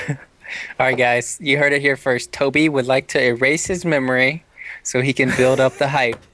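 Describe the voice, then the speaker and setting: Male co-caster, relaxed quips, mid pitch, dry close-miked sound. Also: moderate pace, no room sound. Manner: easygoing, chuckling, short quips. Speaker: esports co-commentator. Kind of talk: casual on-air banter.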